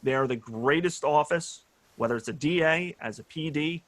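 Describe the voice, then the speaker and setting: A man's voice: a little high, normal speed, no room sound. A man in his thirties, a judicial candidate, answering forum questions earnestly with many "uh" fillers over a video call.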